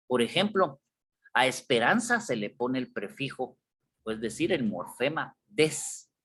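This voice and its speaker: A man's voice: medium pitch, fairly bright tone. A man giving a classroom lecture, explaining with examples and often checking in with his students. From Guatemala. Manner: explains with examples, checks in with repeated tag questions. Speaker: university lecturer.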